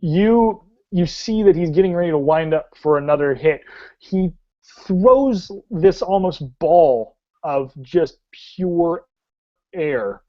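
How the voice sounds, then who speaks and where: A man runs a tabletop game as game master, his voice sitting fairly high. He paints the scene in a halting way, often restarting phrases. The audio is dull and lo-fi. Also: expressive.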